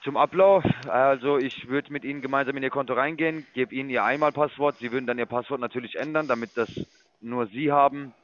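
A man's voice: mid-range voice, steady tone, quick pace, dull audio. A man working as an investment sales caller, lecturing and condescending as he walks a customer through a sign-up. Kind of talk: phone sales call.

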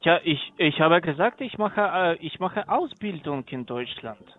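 A man with a fairly high voice talks haltingly over a thin, phone-like line and keeps restarting his words. German is not his native language. The sound is narrow and boxy, as if it comes through a phone receiver. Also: animated. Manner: halting, repeats words often. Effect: tinny phone line. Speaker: prank call target.

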